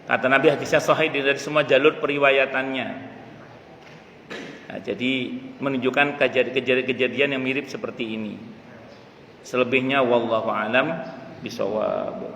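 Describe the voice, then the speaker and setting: A man giving a mosque study lecture, chanting Arabic passages slowly before explaining them. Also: medium pitch, steady tone, fairly bright tone, slight background noise. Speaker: religious teacher. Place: mosque hall. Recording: echoey mosque hall with faint ambience.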